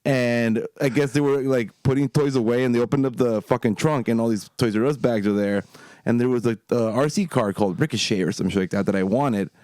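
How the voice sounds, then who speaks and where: A man's voice: mid-range voice, fairly quick, a little mellow, dry recording, studio quality. A man co-hosting a podcast, telling stories in casual chat, full of swearing and laughter. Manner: profane, laughing storyteller. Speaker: podcast co-host.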